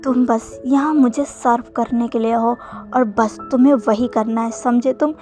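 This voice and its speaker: A woman's voice: fairly high pitch, fairly even intonation, a little slow, darkish tone, faint music behind, lightly acted. A woman voicing a cold, domineering young man who issues harsh orders in a narrated story. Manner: harsh, commanding.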